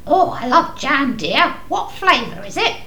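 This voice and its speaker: A woman's voice: high voice, sing-song, measured pace, sharp tone, echoey room, heavily acted, poor audio. A woman playing a cheerful old woman who is hard of hearing and mishears everything, in a comic radio play. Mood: doddery. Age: older. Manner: mishears everything, sweet and chatty. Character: deaf old woman Mother Hubbard, cheerful and muddled.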